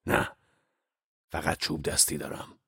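A man voicing a calm, unafraid old wanderer who speaks steadily and mocks his rival in an audiobook. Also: vocal fry, slightly rough, no room sound, clean studio sound, full character voice. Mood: calm mocking. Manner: steady, taunting, low-key. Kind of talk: audiobook character voice.

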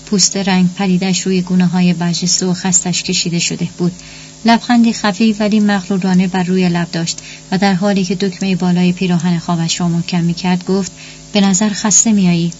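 A woman's voice: on the low side, a little mellow. Woman narrating a story, muffled hum. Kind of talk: audiobook narration. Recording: muffled recording with faint hum.

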